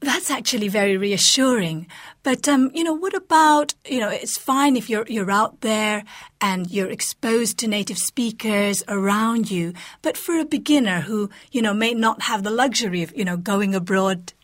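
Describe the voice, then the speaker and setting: A woman's voice: medium pitch, lively intonation, moderate pace, no room sound, studio quality. A woman interviewer who asks questions chattily, often filling in with "you know".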